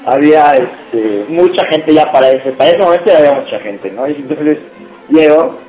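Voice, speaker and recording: A young man with a Mexican accent telling a funny story to friends in casual, slangy talk, laughing and acting out shouts. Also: a little high, expressive, normal speed, roomy sound, highs cut off, faint music behind. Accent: Mexican Spanish.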